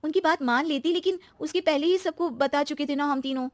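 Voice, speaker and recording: Excitable, easily aggrieved young wife for a family story, female performer; high pitch, expressive, dry recording. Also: brisk, dry recording, close to an everyday voice. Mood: worried, defensive. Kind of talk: acted story dialogue.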